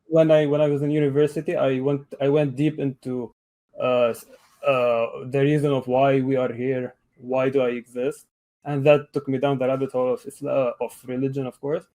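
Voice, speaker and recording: A man's voice: medium pitch, level tone, normal speed, dark tone. A man in his thirties from Lebanon on a video call, speaking in a hesitant way with many fillers and restarts. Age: 30s. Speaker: caller. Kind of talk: casual debate on a video call.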